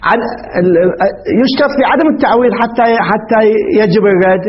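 Male grammar teacher, high voice, questioning and repeating his words, dull lo-fi recording. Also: fast. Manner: explains by posing questions, repeats words while thinking aloud. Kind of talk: classical grammar lesson.

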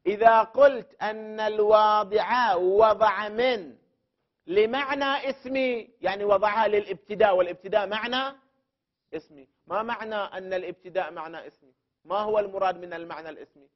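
A man's voice: sits high, steady tone, a little fast. A man teaching a classroom lesson on legal theory. He builds the argument step by step, repeats key terms for emphasis and puts questions to the student. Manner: addresses the student directly and poses questions. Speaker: teacher of jurisprudence principles. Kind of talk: classroom lecture. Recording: dull lo-fi recording.

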